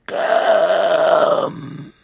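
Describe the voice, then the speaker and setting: A man voicing a disembodied, hateful voice that threatens murder in slow, drawn-out cries. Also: sits high, creaky, breathy edge, pitched above the performer's own voice, exaggerated voice. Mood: menacing. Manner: drawn-out, rising to strained cries. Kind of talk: audiobook reading.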